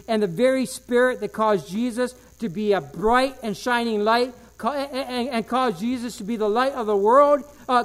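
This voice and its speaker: A male preacher with an extremely high-pitched voice delivers a sermon full of fervent emphasis. He repeats key phrases and moves back and forth between booming declarations and quiet asides.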